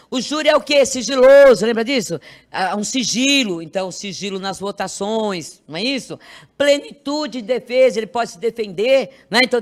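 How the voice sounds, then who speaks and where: Quizzing Brazilian woman law teacher. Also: a little high. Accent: Brazilian Portuguese. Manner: constantly quizzes students with rhetorical questions; repeats and drills key terms. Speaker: law exam prep teacher. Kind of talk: exam review lecture.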